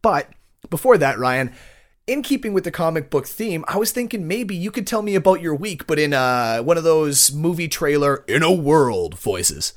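A man's voice: a little high, big pitch swings, normal speed, no echo, clean studio sound. A man hosting a podcast in casual, joking chat, swearing freely. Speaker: podcast host.

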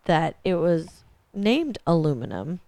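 Female co-host, casual chat, low gravelly voice that is giving out and hoarse. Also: big pitch swings, slow pace, warm tone, no room sound. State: voice giving out, hoarse from losing it all week. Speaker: podcast co-host.

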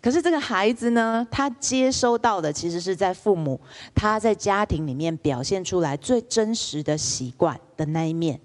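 A woman's voice: mid-range voice, moderate pace. A woman lecturer, telling stories in a public lecture and asking the audience questions. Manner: lively storyteller, asks the audience rhetorical questions.

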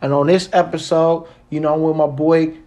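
A man's voice: fairly high pitch, level tone, moderate pace, darkish tone. A man hosting a casual podcast, talking in a laid-back, slangy way and often asking "you know what I'm saying". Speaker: podcast host.

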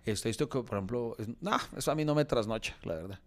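A man's voice: medium pitch, expressive, quick pace, fairly bright tone. A Colombian man chatting casually and joking at his own expense while short on sleep. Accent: Colombian Spanish. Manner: joking, laughs at himself, repeats words. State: sleep-deprived. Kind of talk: casual chat.

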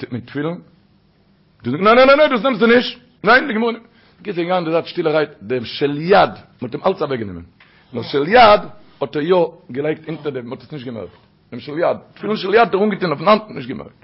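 A man telling stories in a sermon, dropping low and soft for narration and rising sharply when he quotes. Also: creaky, husky. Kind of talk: storytelling sermon. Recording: dull lo-fi recording.

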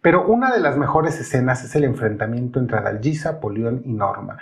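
A man's voice: medium pitch, lively intonation, fairly quick, vocal fry. A man hosting a podcast, telling an opera plot in an explanatory storytelling way, with rising emphasis on connecting words.

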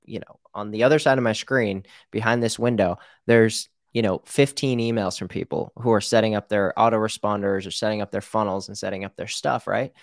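A man's voice: fairly low pitch, no room sound, clean studio sound. An American man hosting a casual interview, informal and rambling, acting out example quotes as he talks. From United States. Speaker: show host.

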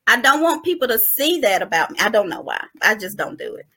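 Woman co-host, bright and fairly high voice, chatty and emphatic, casual podcast talk. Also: sing-song, fairly quick, slightly rough. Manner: chatty, emphatic, addresses listeners as y'all. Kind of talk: casual chat.

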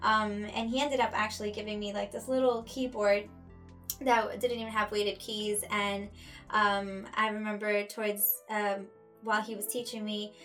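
A woman's voice: mid-range voice, little pitch movement, moderate pace, fairly bright tone. A woman in her thirties, born in Ecuador, founder of a music school, telling her story in an earnest way with many fillers and restarts. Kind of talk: casual interview.

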